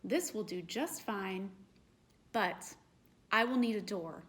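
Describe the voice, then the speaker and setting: A woman's voice: medium pitch, animated, slow pace, fairly bright tone. A woman voicing a kind little girl witch in a children's story, speaking in a sweet, friendly way.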